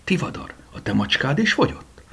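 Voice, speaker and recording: A man voicing a curious, excitable elderly woman who plays amateur detective in a storybook reading, with high, exclaiming lines. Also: slightly rough, full character voice. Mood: eager.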